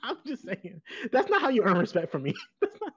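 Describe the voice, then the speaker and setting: A podcast co-host giving animated, giggly opinions in casual chat. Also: medium pitch, brisk, breathy edge. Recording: dull lo-fi podcast audio.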